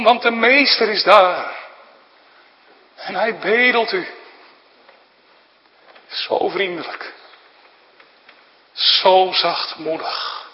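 A male pastor preaching a solemn, pleading sermon that swells into fervent emphasis, recorded in a church. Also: sits high. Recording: dull sound in a reverberant church.

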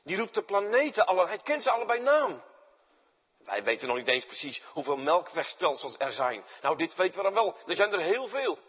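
A man preaching a sermon in speech, swinging dramatically from loud to near-whispered. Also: sits high, big pitch swings, a little fast, slightly rough. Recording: dull sound with long reverb in a large hall.

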